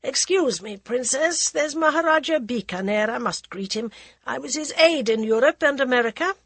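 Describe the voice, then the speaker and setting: A woman reading aloud voices a courteous male prince excusing himself briskly. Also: high voice, lively intonation, fairly bright tone, breathy edge, no room sound, voice pushed up, exaggerated voice.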